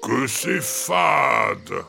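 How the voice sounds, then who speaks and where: Storybook big bad wolf put on by the narrator, very gravelly, slow and swooping, soft music behind. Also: medium pitch, big pitch swings, exaggerated voice. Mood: disgusted. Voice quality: gravelly, drawn-out groaning. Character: big grey wolf, hungry and grumbling.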